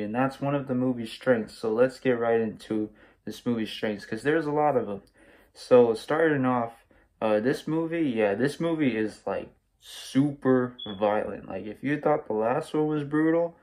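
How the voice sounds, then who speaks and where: A man's voice: mid-range voice, darkish tone, low-quality recording. Young American man talking through a face mask. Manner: enthusiastic, slangy. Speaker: movie reviewer. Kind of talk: casual spoiler-free video review. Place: small room at home, indoors.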